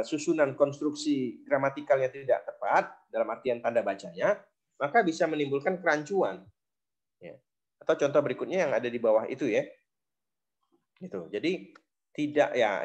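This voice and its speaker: A man's voice: fairly high pitch, darkish tone. A man giving a recorded lecture on logic, explaining step by step with frequent fillers. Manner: explanatory, many fillers like "nah" and "gitu". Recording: dull lo-fi recording.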